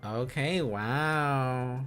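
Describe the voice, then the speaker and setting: A man learns Korean script on a live stream, talking extremely slowly in a mid-range, slightly bright voice while faint music plays behind him. The lesson is casual. Musing aloud, he repeats phrases and syllables until the letters and words make sense.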